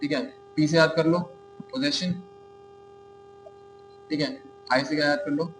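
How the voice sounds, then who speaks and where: A man's voice: fairly high pitch, level tone, unhurried, fairly bright tone, slight background noise, poor audio. A man with an Indian accent giving a classroom lecture, asking his students questions and answering them himself, often checking in with "okay?". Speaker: teacher.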